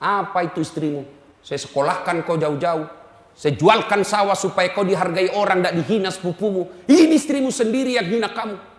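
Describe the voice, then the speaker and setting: A man's voice: high voice, fairly quick, close to an everyday voice. A male preacher voicing an older mother-in-law who grumbles about her son's wife. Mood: grumbling. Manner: grumbling, scolding. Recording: echoey hall.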